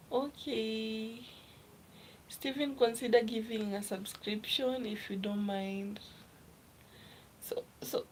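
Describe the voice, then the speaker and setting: A young woman from Kenya chatting casually on a live stream, reading viewer comments aloud and often dropping to a soft, half-whispered voice. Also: a little high, slight background noise, poor audio. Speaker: livestreamer.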